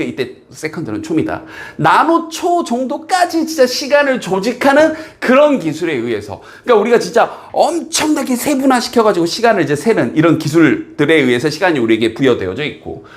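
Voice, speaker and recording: A man from South Korea, teaching an English exam passage in a lively lecture, reading English lines slowly and explaining them quickly. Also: sits high.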